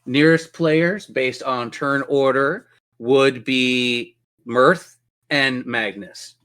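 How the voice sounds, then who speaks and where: A game master runs a tabletop role-playing game, narrating the story in a descriptive, theatrical manner. His voice is medium-pitched and fairly bright, and he speaks very slowly.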